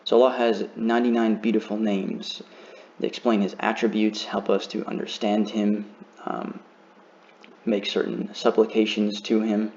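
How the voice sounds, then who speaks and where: A man teaching a beginner lesson, slowly and carefully demonstrating how each word is pronounced. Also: fairly low pitch, level tone, darkish tone, highs cut off, slight background noise. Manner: slow, careful demonstration of pronunciation.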